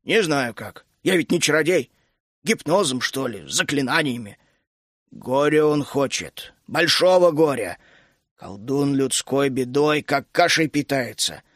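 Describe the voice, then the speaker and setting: A man doing a grumbling gruff uncle. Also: mid-range voice, expressive, measured pace, fairly bright tone, no room sound, studio quality. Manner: grumbling, scolding, bursts out hotly. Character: grumpy gruff middle-aged male dragon keeper. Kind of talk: audiobook character voice.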